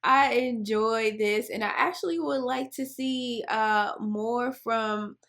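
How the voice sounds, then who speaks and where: Bright-voiced woman hosting a reaction video. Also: on the high side, slow. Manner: chatty, friendly sign-off to viewers. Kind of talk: casual reaction commentary.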